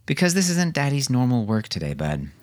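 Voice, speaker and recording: A man's voice: mid-range voice, huge pitch swings, fairly quick, a little mellow, voice pushed up. A man reading an audiobook, voicing a patient, weary soldier father who jokes with his family.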